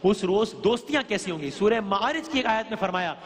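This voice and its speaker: A woman's voice: mid-range voice, expressive. A woman delivers a religious lecture, explaining scripture in an earnest, searching way. She often turns to her listeners with questions. Her voice rings with a long reverb, as if in a large hall. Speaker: religious speaker.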